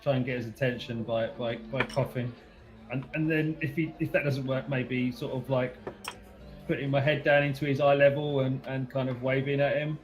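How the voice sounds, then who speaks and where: A man's voice: mid-range voice, little pitch movement, moderate pace, over music, low-quality recording. A man playing a tabletop role-playing game, talking casually in a hesitant, politely tentative way as he improvises.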